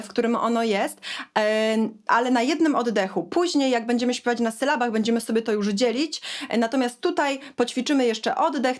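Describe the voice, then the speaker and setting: A woman leading a vocal warm-up lesson, explaining relaxed scat singing in a calm teaching manner. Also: fairly high pitch. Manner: relaxed teaching talk with sung scat demonstrations. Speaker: vocal coach. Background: backing music.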